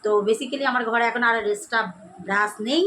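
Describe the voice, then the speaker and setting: Quick, chatty woman vlogger at home. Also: on the high side, sharp tone, slight background noise, low-quality recording. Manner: chatty, addresses viewers as friends, demonstrating as she goes. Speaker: beauty vlogger. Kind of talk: casual skincare tutorial. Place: at home, indoors.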